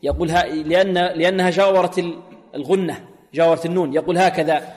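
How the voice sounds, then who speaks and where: A man's voice: on the high side, steady tone, fast, darkish tone. A man teaching Quran recitation, patiently repeating sounds for his students to copy and chanting short examples. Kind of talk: tajweed lesson with chanted demonstrations. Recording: long reverb, religious radio broadcast.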